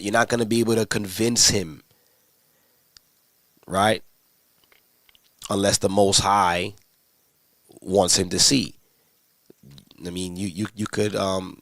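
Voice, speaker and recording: In a casual livestream, a man teaches scripture and answers viewers' questions in a conversational, slangy style full of restarts. His voice is on the low side and a bit bright, with no echo.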